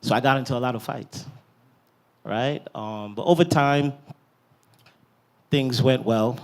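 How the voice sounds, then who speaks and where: A man's voice: medium pitch, measured pace. A man from Barbados with a Bajan accent, telling a personal story as a guest in a panel talk, often checking in with "right?" and "yeah?".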